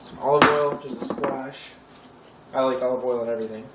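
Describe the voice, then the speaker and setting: A man's voice: medium pitch, fairly even intonation, brisk. Young man, casual cooking host, wry asides, echoey kitchen, distant camera mic, noisy pots and cutlery. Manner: offhand, chatty, wry asides. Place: home kitchen. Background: clattering pots and cutlery.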